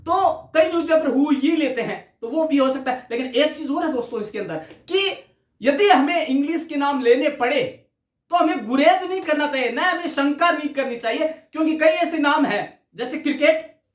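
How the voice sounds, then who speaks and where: A man's voice: extremely high pitch, animated, moderate pace, lo-fi sound. A male teacher giving a conversational recorded lecture, often addressing listeners as friends. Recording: echoey room.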